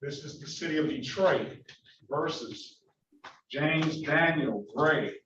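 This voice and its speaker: A man presiding as judge over a virtual court hearing, halting and repeating himself as he fires off blunt questions. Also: a little high, a bit bright. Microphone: video call. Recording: echoey, distant, dull, noisy.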